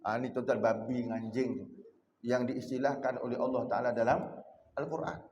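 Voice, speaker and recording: A man with a Malaysian Malay accent giving a jokey, animated evening lecture in a mosque, often addressing the congregation directly. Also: medium pitch, a little fast, a little hiss or hum. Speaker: preacher. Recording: echoey mosque hall.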